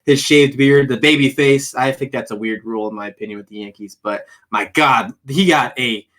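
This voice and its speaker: A man co-hosting a sports podcast, excitable and quick to fire questions in casual chat. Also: mid-range voice.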